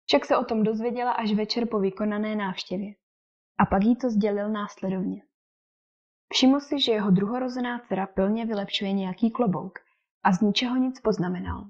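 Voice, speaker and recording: A woman reading a classic novel aloud as an audiobook narrator, in an even, measured way. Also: medium pitch. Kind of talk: scripted literary narration. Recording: dull lo-fi recording.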